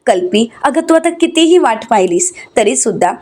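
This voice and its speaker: A woman's voice: a little high, big pitch swings, moderate pace, a little mellow. A woman voicing a scheming young woman who fakes grief, speaking with sweet pleading concern.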